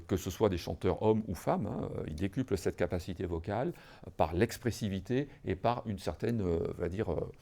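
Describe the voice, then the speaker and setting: A man with a lowish, warm voice delivers a podcast lecture on music history. He addresses listeners directly in a teacherly way, with many hesitations, fillers and restarts.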